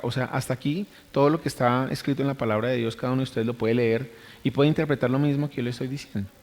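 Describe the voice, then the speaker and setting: A man's voice: mid-range voice, a little mellow, big-room sound. A man preaching a sermon in an earnest way, repeating phrases for emphasis and correcting himself mid-sentence. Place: church hall.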